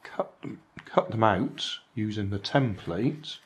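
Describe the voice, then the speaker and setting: With a fairly low voice, an older man takes his time showing charity shop finds on his vlog. He handles each item at an indoor table, hands on camera, in a dry, chatty manner full of musing asides.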